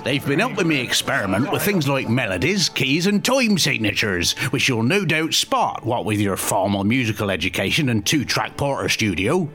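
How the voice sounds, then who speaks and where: Farmer, swooping folksy voice. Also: male voice, mid-range voice, big pitch swings, moderate pace, hardly any pauses, bright, forceful tone, soft background music. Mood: folksy, proud. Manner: folksy rustic farm talk. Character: cheerful dim rustic farmer singer-songwriter on a farm. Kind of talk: scripted radio comedy.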